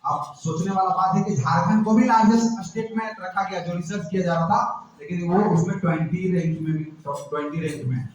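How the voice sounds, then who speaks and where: High-voiced man questioning a crowd, echoing room. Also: a little fast, lo-fi sound. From Jharkhand, India. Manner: keeps firing rhetorical questions at listeners. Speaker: activist speaker. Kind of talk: public address to a gathering. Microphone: far from the mic. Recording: very echoey room, distant mic, faint noise.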